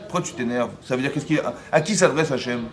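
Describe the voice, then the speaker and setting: A man, a rabbi, giving a lively Torah class, often acting out dialogue and asking his listeners whether they follow. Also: medium pitch, fast talker, crowd noise. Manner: acts out dialogue in first person.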